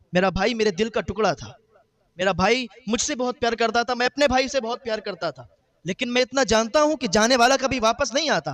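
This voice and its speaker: A man delivers a sermon as a story, his high voice climbing in dramatic, emotional bursts. He voices the people of the tale as he goes. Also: a bit bright. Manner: dramatic, quoting characters in rising emotional bursts. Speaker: preacher.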